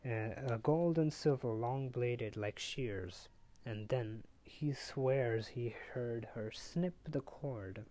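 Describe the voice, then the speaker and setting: A young man hosting a podcast, recapping a book chapter casually with lots of fillers and quick voices for the characters, recorded on a tablet on his bed. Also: medium pitch, warm tone. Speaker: podcast host. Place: bedroom, on a bed. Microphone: tablet built-in mic.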